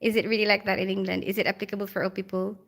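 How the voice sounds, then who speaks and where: A woman with a Filipino accent chats casually on a live stream and reads viewer comments aloud. Her voice is bright and forward, with an easy, middling pitch. She talks straight to her viewers and breaks into laughter often. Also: little pitch movement, rapid-fire, vocal fry. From Philippines.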